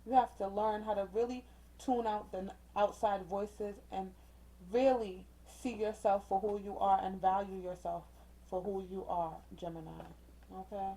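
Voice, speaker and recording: A woman with a mellow, darker tone runs a casual card reading at home, talking straight to her viewers. She is chatty and encouraging, and she keeps checking in with a quick "okay?". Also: mid-range voice, fairly even intonation, poor audio. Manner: chatty and encouraging, uses slang and mild cussing substitutes. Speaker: tarot reader. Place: indoors with a ring light.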